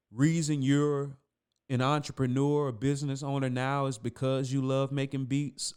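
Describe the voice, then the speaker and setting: Smooth-voiced male podcast host. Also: medium pitch, a little mellow. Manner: conversational, repeats words as he restarts, chuckles. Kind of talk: casual interview chat.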